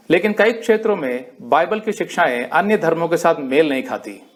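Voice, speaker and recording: एक अधेड़ उम्र का पुरुष बाइबल शिक्षक, जो प्रवचन के अंदाज़ में सिखाता है और कहानियों के पात्रों की बातें अभिनय करके सुनाता है।. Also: male voice, a little high. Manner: animated storytelling, acts out quoted speakers. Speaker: Bible teacher. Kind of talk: sermon-style Bible study.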